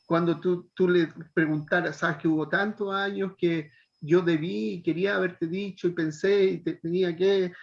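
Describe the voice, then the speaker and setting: A middle-aged man teaching a pastoral counseling class, gently coaxing a student and checking in often. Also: sits high, fairly even intonation, moderate pace, creaky, lo-fi sound.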